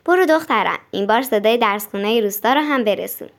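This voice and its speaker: A woman voicing a kind female village teacher in a storybook, calm and soft-spoken. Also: a little high. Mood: gentle.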